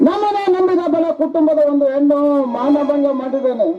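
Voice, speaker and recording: A man's voice: extremely high pitch, animated, moderate pace. Man playing a pleading, remorseful son. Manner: solemn, pleading stage declamation. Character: young adult son confessing a grave sin. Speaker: stage actor. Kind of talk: live folk stage drama. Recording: lo-fi live recording, loud music behind.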